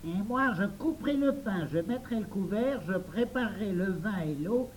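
A man voicing a kind, flustered boy in an audiobook, gentle and apologetic. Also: high-pitched, animated, moderate pace, a little hiss or hum, rough recording. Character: kind, overworked boy errand-runner. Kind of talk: audiobook character reading.

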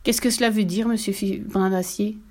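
A woman's voice: mid-range voice, fairly even intonation, normal speed, close to an everyday voice. A woman voicing a curious, polite young boy in a storybook reading, close to her own voice.

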